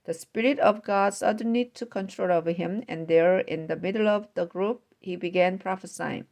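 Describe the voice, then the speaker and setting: A woman reading scripture aloud at a steady pace, with small slips now and then. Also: medium pitch, normal speed, creaky. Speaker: scripture reader.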